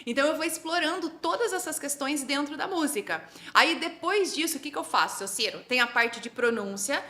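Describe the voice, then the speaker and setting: Bright, high-voiced Brazilian woman teacher. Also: brisk. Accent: Brazilian Portuguese. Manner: lively, teacherly, quizzes the host. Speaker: English teacher. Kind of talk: explanatory interview talk.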